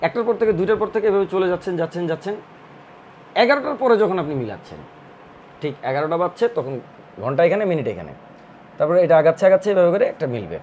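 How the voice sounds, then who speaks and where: A man tutoring math, working through a problem slowly and step by step, thinking aloud as he draws. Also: high-pitched, very animated, darkish tone, slight background noise. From Bangladesh. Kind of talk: recorded math lesson.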